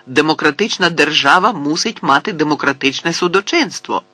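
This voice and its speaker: Brief: a man as a defiant defendant, proud and forceful. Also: fairly high pitch, lively intonation, brisk, no room sound, pitched above the performer's own voice. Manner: defiant, declaiming. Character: defiant male defendant on trial.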